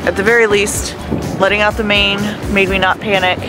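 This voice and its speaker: A woman's voice: medium pitch, level tone, moderate pace, over music, low-quality recording. A woman in her thirties, talking candidly to a handheld camera while out sailing on a small boat. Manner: chatty, candid about nerves. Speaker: vlogger learning to sail. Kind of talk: casual vlog narration. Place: small sailboat out on open water. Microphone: phone camera at arm's length.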